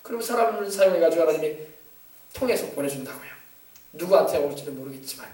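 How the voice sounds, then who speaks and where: A man pastor delivers a rapid sermon in a high voice, emphatic and exhorting, now and then dropping to quieter asides. He sounds set back from the mic, and the church hall around him rings with echo. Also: animated. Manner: emphatic, exhorting, switching between loud commands and soft asides. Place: church sanctuary. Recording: echoey church hall from far off.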